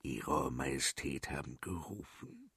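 Minister Godehard: Mann als finsterer Minister. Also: male voice, rumbling low, lively intonation, unhurried, gravelly, bright, forceful tone, breathy edge, no room sound, studio quality, voice pushed down, heavily acted. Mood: subdued. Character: gloomy, dutiful royal minister.

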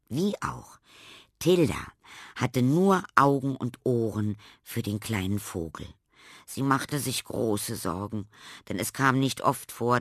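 A man's voice: on the low side, dry recording, clean studio sound. Man narrating a children's story. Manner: expressive, animated storytelling. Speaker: audiobook narrator.

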